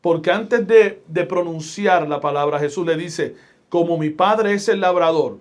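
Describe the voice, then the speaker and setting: A middle-aged man from Puerto Rico, appearing as a guest pastor and radio broadcaster, shares stories in a podcast interview. He has a Puerto Rican Spanish accent and a voice pitched a bit above most men's. He leans on every phrase in a measured, emphatic preaching style, weaving in scripture quotes.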